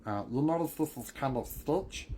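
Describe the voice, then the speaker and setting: A man putting on a small, mischievous alien creature, spoken in a lower register and at a slower pace. A faint hum of noise sits behind the voice. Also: expressive, mellow, lightly acted. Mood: playful. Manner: lower and slower than his usual talk.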